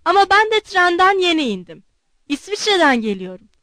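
A woman's voice: very high-pitched, very animated, brisk, a bit bright, no room sound, exaggerated voice. A woman voicing a sincere, humble young male prince in an audiobook, speaking earnestly and politely.

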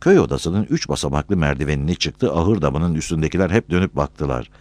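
Low-voiced male storyteller. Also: a little fast, no room sound. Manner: expressive, shifting between voices. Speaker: narrator. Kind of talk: scripted story reading.

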